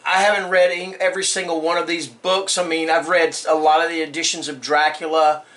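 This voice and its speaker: Chatty middle-aged guy rambling about books, kinda high bright voice, goes off on tangents. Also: little pitch movement, brisk. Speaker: book vlogger. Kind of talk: casual chat answering a tag. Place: room with bookshelves.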